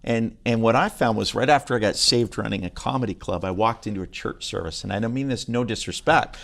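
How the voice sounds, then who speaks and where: British-accented male pastor guest, low-ish, lively and jokey delivery. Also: fairly quick, gravelly. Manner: animated storyteller, jumping pitch on punchlines. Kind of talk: casual conversation. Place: studio.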